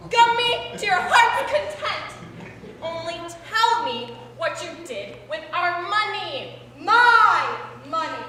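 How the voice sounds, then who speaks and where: Teen girl as spoiled melodramatic daughter, shrill and very high, slow delivery, distant stage sound. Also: big pitch swings, bright, forceful tone, heavily acted. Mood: sarcastic. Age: teens. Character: shrill spoiled middle-aged daughter, petulant. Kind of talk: high school stage play. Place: school theater stage. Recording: echoey hall from far off, faint noise.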